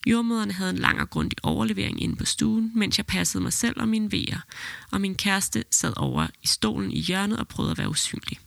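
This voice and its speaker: A woman with a mid-range voice and vocal fry, a midwife who hosts a podcast, reads a birth story aloud steadily and evenly before talking about it. No room sound is audible.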